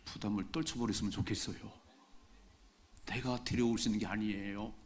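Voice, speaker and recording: A man's voice: on the low side, steady tone, fairly quick. A middle-aged man, a pastor, preaching a Sunday sermon in a church in a conversational way, repeating key phrases for emphasis. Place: church sanctuary during a Sunday service.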